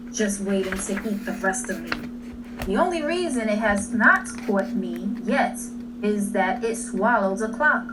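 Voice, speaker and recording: A dark, scheming storybook pirate captain, acted out by a woman reader, vengeful and menacing. He speaks slowly and deliberately. The sound is distant from the mic with clear noise. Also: medium pitch.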